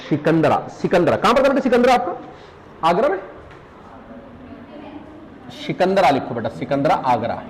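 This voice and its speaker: A man's voice: sits high, low-quality recording. A man with a Pahari-tinged Hindi accent, a teacher giving a live exam revision class, repeating points, joking and quizzing students with questions. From Uttarakhand hills. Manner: calls students "beta", jokes and laughs while teaching.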